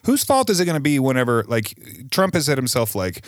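A man's voice: mid-range voice, very animated, a little fast, no echo, clean studio sound. Opinionated man on a podcast. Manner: opinionated, rambling with restarts. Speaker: podcast guest. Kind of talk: casual chat.

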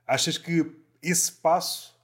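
Higher-voiced man. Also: steady tone, takes it slowly. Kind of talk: casual chat.

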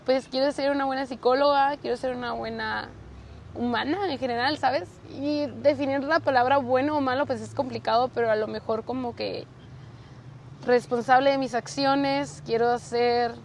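A woman's voice: high-pitched, steady tone, normal speed, slight background noise. A young woman, co-hosting a casual podcast, speaking hesitantly as she searches for words. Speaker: podcast co-host, psychologist.

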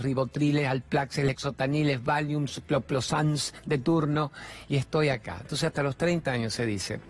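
Animated Argentine man giving a spiritual talk. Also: medium pitch. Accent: Argentine Spanish. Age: over 50. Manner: animated, colloquial, slips into voices for quoted speech. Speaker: spiritual speaker. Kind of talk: motivational spiritual talk to an audience.

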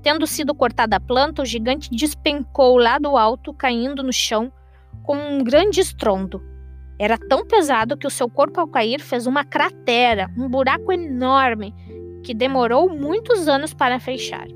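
High-voiced woman reading a fairy tale. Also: soft background music. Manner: expressive, measured reading. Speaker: storyteller. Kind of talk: radio storytelling of a fairy tale.

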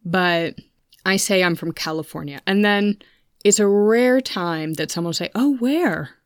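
A woman in her thirties from the United States hosts a podcast, sharing personal stories in a candid, introspective, conversational way with an American accent. Her lowish voice is clear and resonant at normal speed, with clean studio sound and no echo.

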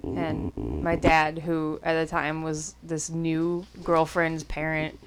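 A young woman chats casually as a podcast co-host, telling stories in a rambling, swearing way and breaking into laughter. Her voice sits a little low. The delivery stays loose and unscripted. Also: animated, slow, gravelly, slight background noise. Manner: rambling and profane, with frequent laughter. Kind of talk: casual chat.

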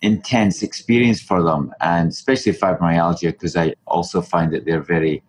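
A middle-aged man hosting a medical podcast, asking questions in a relaxed, friendly way with fillers. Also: sits low, normal speed, husky. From Canada. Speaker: podcast host, family physician. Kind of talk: casual interview.

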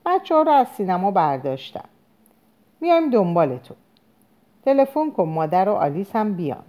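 A woman reading a novel aloud, voicing an easygoing middle-aged husband and father in her own mellow voice. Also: medium pitch, very animated, natural voice. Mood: teasing.

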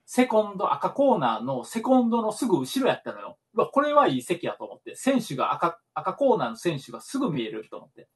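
A man with a Kansai accent, a podcast co-host chatting casually and telling a story with animated acted-out quotes, over a lossy online call. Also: high-pitched, fast talker, hardly any pauses. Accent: Kansai Japanese. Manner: animated storytelling, acts out shouted corner-man lines. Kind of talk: casual chat.

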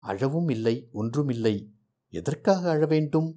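A man reading aloud voices a quick-witted, outspoken young woman in a storybook. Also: medium pitch, expressive, dark tone, pitched above the performer's own voice. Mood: teasing.

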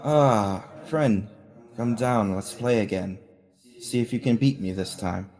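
A man voicing a friendly, ghostly soldier spirit, low voice. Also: slow, a little mellow. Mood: wistful, inviting. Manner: ghostly voice, casual and chummy.

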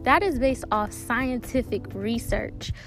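A woman with a fairly high voice hosts a spiritual self-help talk over clearly audible music. She speaks as an encouraging guide, repeating key phrases deliberately so they sink in. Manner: encouraging, deliberate repetition for emphasis. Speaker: host of a self-help podcast. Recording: music behind the voice.

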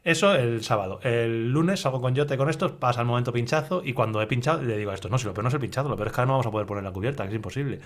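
A man co-hosting a cycling podcast, telling animated stories with acted-out quotes and frequent swearing. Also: medium pitch, very fast, hardly any pauses. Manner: animated storyteller, swears freely, acts out quotes. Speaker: podcast co-host. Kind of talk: casual chat.

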